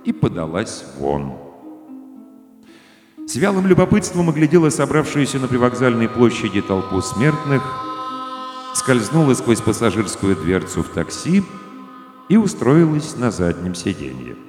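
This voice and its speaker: A man reading a story aloud for radio with lively, expressive narration. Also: mid-range voice, a little slow. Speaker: reader. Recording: echoey studio with faint music.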